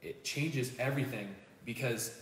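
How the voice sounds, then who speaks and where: A man's voice: mid-range voice, a little slow, a bit bright, recorded from a distance, a little hiss or hum. Earnest man pastor, roomy echo. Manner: earnest storytelling, quotes people aloud. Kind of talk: casual faith chat. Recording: roomy, echoey, from off the mic.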